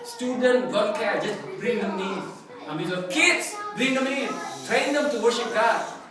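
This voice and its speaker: A man's voice: extremely high pitch, slow pace, distant mic, a crowd in the background. Joking male pastor in an echoey hall. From Indonesia. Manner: joking, lively preaching with call-and-response. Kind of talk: sermon. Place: church fellowship hall. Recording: echoey hall, mic from afar, congregation.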